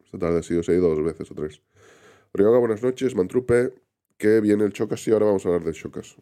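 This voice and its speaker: Brisk, clear and resonant, with a dark tone, this deep-voiced man hosts a relaxed live stream despite recovering from an illness. Reading the chat, he greets viewers by name, rambling along with many restarts.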